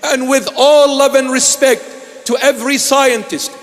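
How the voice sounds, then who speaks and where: A man from Iraq gives a sermon as a bishop, his voice high and his delivery slow and deliberate. He hammers home repeated phrases, now and then rising to a shout. A long reverb trails each word through a large church hall. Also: steady tone. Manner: emphatic and repetitive, bursts into shouts.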